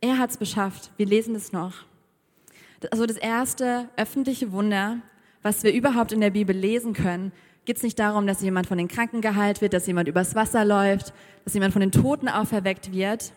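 A woman's voice: mid-range voice, fairly even intonation, a little fast, darkish tone. A woman preacher giving a sermon in a conversational, humorous way, often throwing rhetorical questions at the congregation. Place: church. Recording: long church hall reverb.

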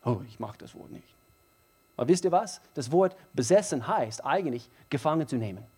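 A man delivering a sermon in a fairly high voice. He is emphatic and repeats key phrases, swinging from hushed, intimate passages to loud, driving emphasis. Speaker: preacher.

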